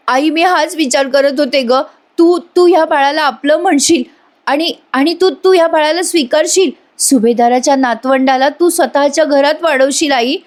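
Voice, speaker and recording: A woman voicing a desperate pregnant young woman who begs and pleads. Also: natural voice. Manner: pleading, tearful, high-pitched.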